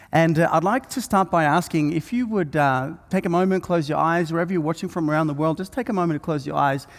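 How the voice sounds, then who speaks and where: A man from Norway, opening a conference and guiding the audience through a calm breathing meditation with frequent fillers. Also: a little high. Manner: soft, slow guiding voice with many fillers. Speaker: speaker guiding a breathwork session. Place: large event hall with live audience. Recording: long hall reverb.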